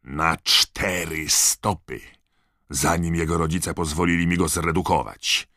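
A man voicing an eager, excitable teenage boy. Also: low-pitched, a little slow, dry recording, studio quality, full character voice. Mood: excited.

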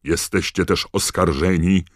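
A man's voice: low-pitched, fairly even intonation, measured pace, no echo, studio quality, voice pushed up. A man voicing a stern, cold older judge who roars his verdicts in an audiobook. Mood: thundering. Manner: roaring, emphatic pronouncements. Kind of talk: audiobook character voice.

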